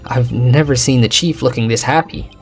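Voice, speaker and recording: A man's voice: medium pitch, normal speed, faint music behind, natural voice. A man voicing an earnest young male defense lawyer in a courtroom game, polite and upbeat.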